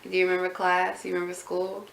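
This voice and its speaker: A woman asks a steady run of casual, probing questions, teasing a little as she follows up. Her voice sits low with a gravelly edge. It echoes around a roomy space over a faint background hiss. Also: quick pace. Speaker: interviewer. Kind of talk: casual one-on-one interview.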